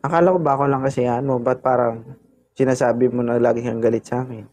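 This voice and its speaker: A man's voice: mid-range voice, steady tone, fast talker, darkish tone. A man hosting a casual livestream, teasing his partner and thanking gifters by name. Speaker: livestream host.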